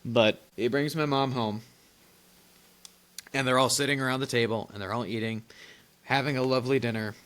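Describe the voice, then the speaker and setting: A young man co-hosting a podcast, telling family stories in casual chat, animated and laughing often, with rambling restarts. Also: mid-range voice, moderate pace, long pauses, clean tone. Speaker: podcast co-host.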